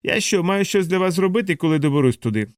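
A man's voice: high voice, expressive, quick pace, no echo, voice pushed up. A man voicing a brash, wealthy man who protests with scornful questions in a dry, close audiobook recording. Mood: defiant.

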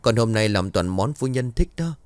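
A man's voice: on the low side, lively intonation, moderate pace, dry recording, voice pushed up, close to an everyday voice. A man voicing a young, worried, deferential maidservant in a raised voice. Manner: deferential, polite.

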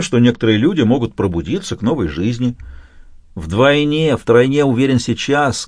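Man giving an expressive, dramatic audiobook reading. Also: breathy edge, no room sound, studio quality. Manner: expressive, dramatic reading with wide swings in pitch. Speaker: audiobook narrator. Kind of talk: scripted first-person narration.

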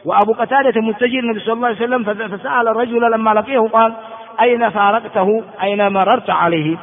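A man from Ethiopia with a high voice and fairly even intonation teaches a classroom lesson on a hadith text, reading it aloud and explaining it phrase by phrase. He often repeats and glosses phrases and uses frequent filler words. The recording is tinny and lo-fi, with long hall reverb.

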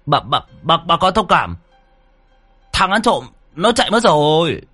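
A man voicing a tipsy old villager who stammers and yells in alarm. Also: on the high side, sing-song, a little slow, husky, no echo, faint music behind, voice pushed up, exaggerated voice. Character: tipsy old man shouting about a thief.

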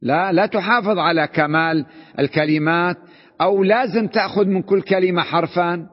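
Sheikh teaching grammar in an echoing hall. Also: male voice, sits high, normal speed, muffled recording. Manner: explains patiently, checks with "تمام؟", quizzes students. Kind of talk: classroom lesson.

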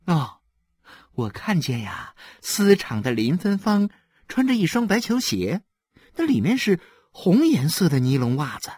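Man putting on a chatty, high-pitched storybook mother. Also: huge pitch swings, unhurried, a little mellow, husky, dry recording, studio quality, full character voice. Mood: gossiping. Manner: gossipy, then exasperated. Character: chatty 30-year-old mother, scolding.

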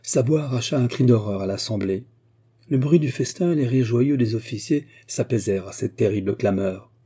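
A man narrating a classic novel as an audiobook, in a measured, deliberate reading style. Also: mid-range voice, warm tone, slightly rough.

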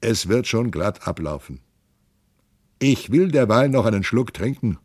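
A man's voice: on the low side, lively intonation, unhurried, darkish tone, no echo. Boozy jovial giant-husband in a spoken storybook, coaxing and hearty, man doing the voice, dry sound. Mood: jovial teasing.

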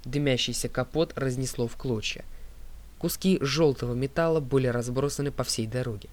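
A man reading an audiobook as narrator, in a steady, clear voice that drops low on speaker tags. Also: normal speed. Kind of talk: scripted narration.

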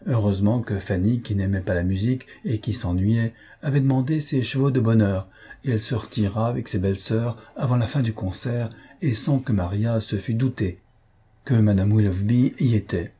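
A man narrates a classic novel at a measured, even pace. His voice is low, mellow and husky, with a breathy grain. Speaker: audiobook narrator.

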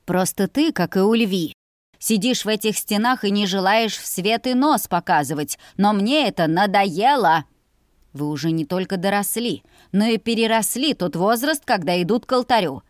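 A woman's voice: mid-range voice, lively intonation, moderate pace, no room sound, clean studio sound, natural voice. A woman voicing an authoritative father who lays down the law firmly. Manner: firm, declaring, emphatic. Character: firm authoritative father, head of the family.

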